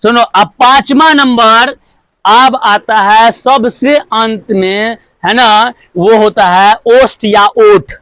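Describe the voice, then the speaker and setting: A man's voice: high-pitched, steady tone, slow pace, a bit bright, dry recording. A male teacher giving a grammar lesson, repeating each point and asking questions that he then answers himself. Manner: repetitive, asks and answers his own questions; drills sounds one by one.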